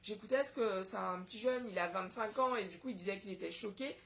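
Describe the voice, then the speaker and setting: A woman's voice: medium pitch, fast talker, creaky. A woman from Guadeloupe talking straight to her audience in a casual solo vlog, impassioned and indignant. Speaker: vlogger.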